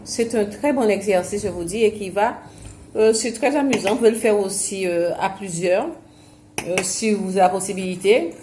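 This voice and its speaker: A woman from Guadeloupe runs a home exercise session for seniors. She speaks into her own camera's mic in a chatty, halting way. She stops often to restart a thought or fill a pause. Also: mid-range voice, background noise. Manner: chatty, hesitant with many fillers and restarts. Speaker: senior fitness and memory instructor. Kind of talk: instructional talk to seniors at home. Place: home, self-filmed.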